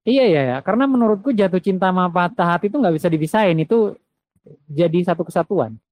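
A man talking about songwriting in a casual conversation, reflective and halting, restarting his sentences. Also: high-pitched, a little mellow, no echo.

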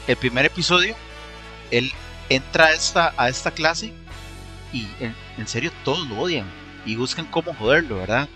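A Costa Rican man in a casual chat who agrees often and recounts scenes. His voice is bright and forceful. Faint music sits behind him. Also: mid-range voice, expressive, normal speed. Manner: agreeable, frequent "mae".

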